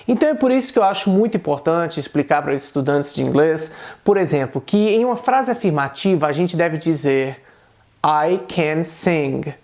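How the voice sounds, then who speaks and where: A Brazilian man teaching English online, with a Brazilian Portuguese accent. He explains patiently in a lively voice that swings up and down. He slows right down, word by word, whenever he models an English sentence. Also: a little high. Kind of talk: online language lesson.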